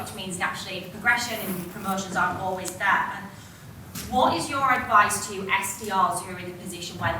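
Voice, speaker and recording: A woman with a Northern English accent, speaking up loudly from the audience to ask a question. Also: mid-range voice. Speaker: audience member asking a question. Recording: distant voice in an echoey hall with noise.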